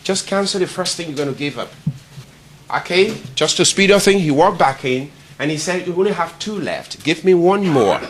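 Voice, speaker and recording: A man's voice: on the high side, moderate pace. Liberian man addressing a meeting room. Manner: animated, quizzes the audience. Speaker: charity presenter. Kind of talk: speech to a networking event.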